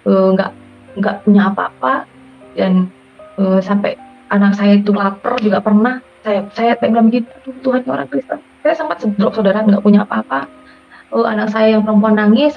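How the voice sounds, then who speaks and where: A woman's voice: medium pitch, creaky. A middle-aged woman with a Madurese accent gives an emotional personal testimony and keeps calling her listeners "Saudara". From Madura, Indonesia. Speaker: testimony giver. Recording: dull lo-fi audio with faint music.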